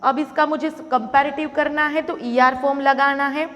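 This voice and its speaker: A woman's voice: sits high, steady tone, moderate pace, fairly bright tone. A young woman teaching a grammar lesson to primary school children, explaining patiently step by step. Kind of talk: recorded video lesson in Hindi-English mix. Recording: long reverberant room sound.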